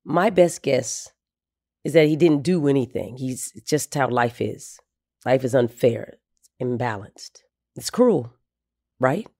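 A man telling the story of his late father in a measured, soft-spoken, reflective narration. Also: mid-range voice.

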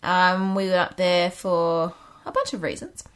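A woman's voice: lowish voice, little pitch movement, unhurried, a bit bright, clear, resonant tone. A woman with an Australian accent and a slightly phlegmy, under-the-weather voice, co-hosting a casual chat with dry humour. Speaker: podcast host.

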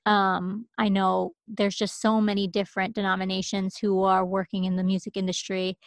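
Woman host, steady and affirming, little melody, dry sound. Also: medium pitch, moderate pace, no room sound. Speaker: interviewer. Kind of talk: casual interview.

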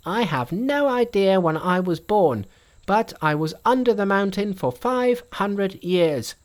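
A man's voice: lively intonation, measured pace. A man voicing a boastful, cheeky male monkey sage with a raised, bold voice in a storybook reading. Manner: high, bold, teasing.

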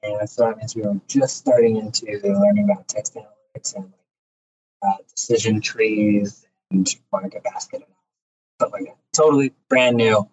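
A man's voice: on the low side, big pitch swings, moderate pace, darkish tone. A young man on a video call chatting casually and rambling, his voice coming through a tinny, metallic microphone that keeps cutting out. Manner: rambling, restarts thoughts often. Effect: tinny, cutting-out microphone like a tin can on a string. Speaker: community call participant. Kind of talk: casual chat. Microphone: poor headset or computer mic on a video call.

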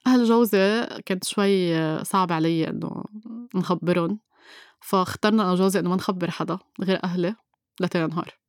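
Fast-talking Lebanese woman telling her story. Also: lowish voice, dry recording, clean studio sound. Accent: Lebanese Levantine Arabic. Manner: emphatic, repeats phrases, mixes in English words. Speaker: interview guest. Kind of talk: personal storytelling in conversation.

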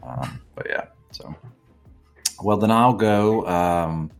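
A man with a very low voice hosts a relaxed podcast conversation. He rambles easily, filling gaps with ums and throwing in casual swearing. Faint music sits low behind him. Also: slow pace, gravelly. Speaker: podcast host. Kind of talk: casual chat.

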